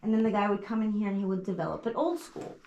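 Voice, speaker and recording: A woman's voice: medium pitch, fairly even intonation, fast talker, a little mellow, muffled recording. A woman guiding a cave tour, her voice echoing off the rock and picked up from a distance over some noise. She is from Texas and talks in an enthusiastic, folksy way, casual and informal as she points things out. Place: inside a cavern, echoing.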